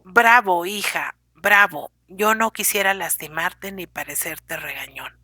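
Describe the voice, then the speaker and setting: A woman's voice: medium pitch, measured pace, sharp tone, no room sound. A woman voicing an ailing older husband who scolds and pleads with his young wife, in an audiobook reading. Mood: reproachful. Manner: lecturing, complaining, pleading.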